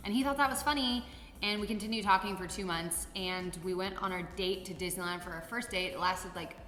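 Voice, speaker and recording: A woman's voice: mid-range voice, a little fast, a bit bright. A woman with a Californian American accent chatting casually and candidly as a vlog host, with informal, sweary phrasing. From San Diego, California, USA. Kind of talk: casual Q&A chat. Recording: echoey reverberant room, music underneath.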